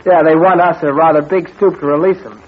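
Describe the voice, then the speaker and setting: An American male actor playing an eager, bright boy sidekick in an old radio show adventure serial. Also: a little high, steady tone, brisk, husky. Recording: tinny, noisy old radio recording.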